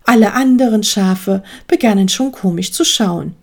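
A woman narrating a children's story aloud with expressive, lively delivery. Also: medium pitch, moderate pace.

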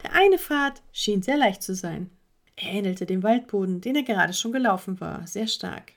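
Expressive woman reading a children's story. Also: medium pitch, moderate pace.

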